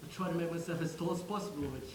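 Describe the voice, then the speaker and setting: A man with a fairly high voice talks very fast, playing the ghost of a young English soldier from the First World War who speaks wryly and conversationally straight to the listener in a wistful theatrical monologue. His voice sounds close to everyday speech, recorded in a roomy space with a noisy background.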